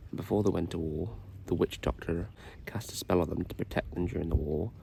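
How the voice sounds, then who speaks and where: A man vlogging outdoors at a rainy mountain lookout, telling stories in a deadpan, self-mocking way. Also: deep voice, a little fast, creaky, slight background noise, poor audio. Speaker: travel vlogger. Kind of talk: joking casual chat.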